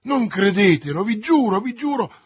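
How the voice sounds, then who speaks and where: A fiery young musketeer, voiced by a man reading an audiobook, high and husky, urgent and pleading. He pushes every line up in pitch and volume. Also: a little slow, exaggerated voice. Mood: frantic. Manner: excited, pleading, raised pitch. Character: young hot-blooded male musketeer, impassioned. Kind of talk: audiobook character voice.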